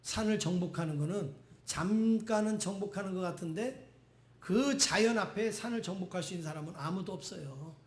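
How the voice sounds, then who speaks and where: A man's voice: high-pitched, fairly quick. A man, a senior pastor, preaching a Sunday sermon with rhetorical questions and rising exclamations. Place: church sanctuary. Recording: echoey church sanctuary.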